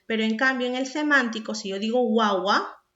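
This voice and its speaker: A woman's voice: a little high, normal speed, fairly bright tone. A woman from Peru, a secondary school teacher explaining a recorded class and speaking directly to the student with questions. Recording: echoey room, dull lo-fi sound.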